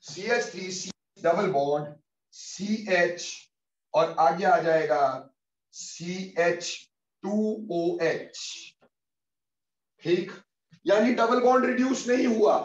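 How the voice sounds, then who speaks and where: A man teaching a chemistry class online in Hindi-English, calling his students "beta" and slowly dictating formulas. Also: high-pitched. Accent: Hindi-English mix. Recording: muffled, echoey, far from mic.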